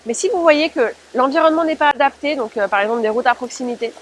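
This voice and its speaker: A woman's voice: high-pitched, quick pace, a little hiss or hum, low-quality recording. A woman giving an informal spoken tutorial as a dog-training presenter, explaining step by step and addressing listeners directly.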